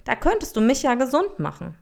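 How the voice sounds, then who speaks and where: A woman's voice: high voice, wildly swooping pitch, fairly quick, creaky, voice pushed up, full character voice. Storybook part: a fearful, curt man with leprosy, voiced by a woman. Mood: hopeful. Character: leper man, hopeful then fearful and rude.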